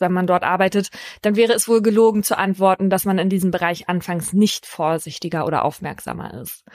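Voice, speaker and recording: Calm woman narrating, dry close sound. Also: mid-range voice, no room sound. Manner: calm, matter-of-fact narration. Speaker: care worker in a youth facility. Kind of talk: first-person narrated account.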